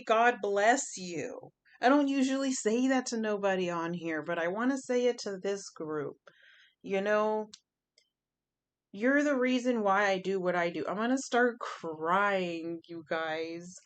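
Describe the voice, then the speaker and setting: A woman giving a chatty pick-a-pile tarot reading, emphatic and fond of repeating her phrases. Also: a little high. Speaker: tarot reader.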